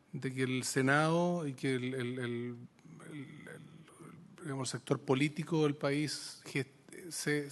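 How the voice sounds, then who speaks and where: A man, a scientist speaking in a committee session, often halting and repeating words as he searches for them. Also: medium pitch. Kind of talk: committee discussion.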